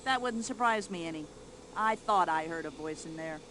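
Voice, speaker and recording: An actress voicing an older American widow in a video game, brash, nosy and quick to complain. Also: female voice, on the low side, a little hiss or hum, lightly acted. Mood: gossipy. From United States. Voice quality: loud, sharp-tongued and complaining.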